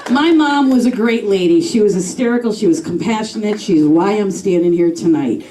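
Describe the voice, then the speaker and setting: A woman's voice: medium pitch, moderate pace, dark tone. Self-mocking woman comedian in her fifties. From Chicago. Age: 50s. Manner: candid, self-mocking, swears freely. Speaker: stand-up comedian. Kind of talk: stand-up comedy set. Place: comedy club stage, audience laughing. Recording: distant echoey club recording with crowd noise.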